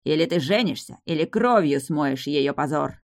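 An audiobook reader voicing a blustering, menacing middle-aged town mayor who shouts slow, drawn-out threats. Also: mid-range voice, expressive, lightly acted. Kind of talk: audiobook character voice.

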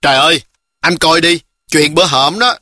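A man voicing a grumpy, bossy older-brother boy, gruff and scolding. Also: medium pitch, a little fast, sharp tone, dry recording, studio quality.

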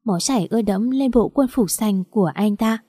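Mellow-voiced woman narrating a drama. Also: medium pitch, a little fast, husky, dry recording, clean studio sound. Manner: emotional, dramatic first-person telling. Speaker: story narrator. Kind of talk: first-person audio story narration.

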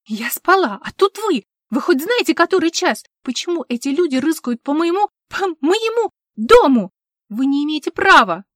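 Woman reader as a scared, indignant young shopkeeper: shrill protests, dry close sound. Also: lively intonation, unhurried, a little mellow, breathy edge, no echo. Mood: hysterical.

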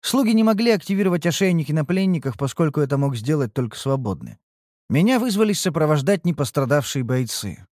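Expressive male audiobook narrator. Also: quick pace, no room sound, clean studio sound. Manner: expressive, shifts pitch for dialogue. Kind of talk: scripted narration.

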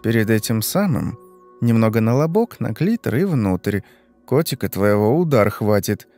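A man's voice: lowish voice, sing-song, normal speed, warm tone, soft background music. A man voicing a curt, scheming woman. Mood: hissing. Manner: curt, dry, clipped. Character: cold, scheming, secretive woman.

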